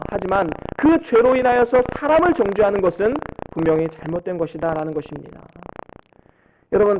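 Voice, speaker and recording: A high-voiced man in his thirties delivers a church sermon. He tells stories earnestly and acts out the voices he quotes. The recording is muffled and lo-fi, with a clear layer of background noise. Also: a little mellow. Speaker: pastor. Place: church sanctuary. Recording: dull lo-fi sound with noticeable background noise.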